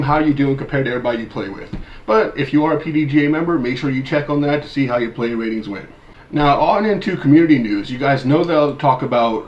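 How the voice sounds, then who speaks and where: A man's voice: medium pitch, reverberant, highs cut off. A man in his thirties from mid-Michigan, hosting a casual weekly disc golf news vlog and talking to viewers in a chatty, upbeat way. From mid-Michigan, USA. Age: 30s. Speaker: disc golf channel host.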